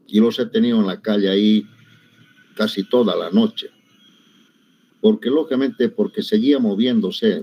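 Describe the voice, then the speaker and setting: A man's voice: lowish voice, darkish tone, husky. A middle-aged man, teaching an engineering class and telling personal anecdotes in a conversational way, often adding little tag questions and correcting himself mid-word. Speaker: engineering lecturer. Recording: dull lo-fi recording.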